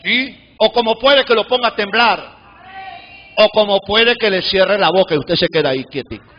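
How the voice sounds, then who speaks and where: A man preaching a fervent sermon, swinging from loud shouted peaks down to a low murmur. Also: normal speed, lo-fi sound, soft background music. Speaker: pastor. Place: church sanctuary.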